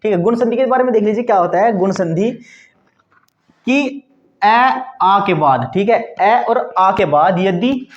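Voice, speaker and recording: Speaking at a measured pace in an expressive, high-sitting voice, a man gives a grammar lesson captured with lo-fi sound. He checks in with the class regularly, repeats "ठीक है दोस्तों," and asks quiz-style questions before answering them.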